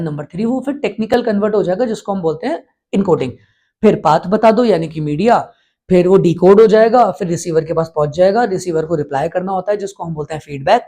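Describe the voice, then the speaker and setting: A man's voice: fairly high pitch, mellow, husky. A male teacher from India giving an exam-prep lecture, constantly quizzing his students and repeating the answers.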